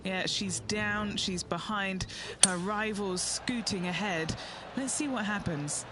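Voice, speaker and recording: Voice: medium pitch, takes it slowly, loud music behind the voice, close to an everyday voice. An actor voicing a concise on-course golf reporter in video game commentary. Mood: focused.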